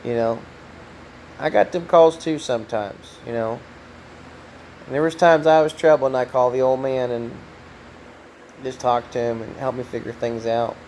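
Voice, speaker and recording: A middle-aged man, talking to camera in a casual, heartfelt way, soft-spoken and halting, with many pauses and restarts. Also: mid-range voice, fairly even intonation, a little hiss or hum, rough recording. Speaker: trucker vlogger.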